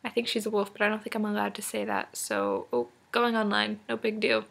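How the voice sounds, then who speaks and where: Giggly young woman, bright and gravelly. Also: mid-range voice, very animated, brisk. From Maine. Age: young adult. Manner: rambling, giggly, self-deprecating. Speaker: vlogger. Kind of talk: casual chat to a friend. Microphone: webcam.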